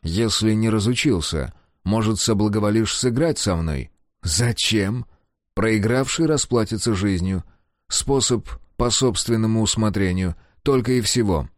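A man voicing a composed, calculating young male officer who speaks in a formal, measured way. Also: lowish voice, no echo, clean studio sound, close to an everyday voice. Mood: cool.

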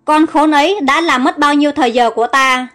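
A bossy ship captain, as a woman narrator puts him on, drives his crew with harsh commands in a storybook reading. Her pitch stays high despite the gruff role. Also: a little fast, a bit bright, faint music behind. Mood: commanding. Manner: barking commands.

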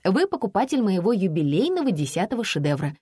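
A woman's voice: medium pitch, big pitch swings, quick pace, warm tone, husky, dry recording, studio quality. A woman voicing a young shop girl and beginner chocolatier, whining and eager.

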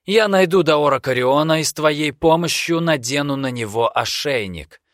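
A cornered young noble who pushes his voice up high and hard in tense, emphatic bursts, as a male narrator puts him on. His voice is pitched well above the narrator's deep one. The sound is close and dry. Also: moderate pace, no room sound, natural voice. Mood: desperate.

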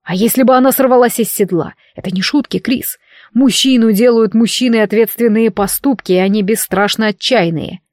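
A woman's voice: fairly high pitch, fairly quick, hardly any pauses, darkish tone, no echo, studio quality, natural voice. A woman voicing a stern, wounded dragon emperor who growls his commands. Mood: scolding.

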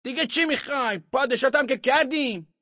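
A man voicing an impatient crowd in the street, yelling and pleading upward. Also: extremely high pitch, no echo, voice pushed up, full character voice. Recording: dull, dry, with faint music.

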